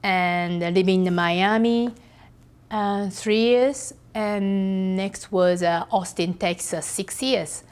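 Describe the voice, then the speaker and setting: A middle-aged Japanese woman, an artist appearing as a podcast interview guest, speaks English as a second language with a Japanese accent. Her medium-pitched voice is smooth, but she talks haltingly and often pauses to search for words.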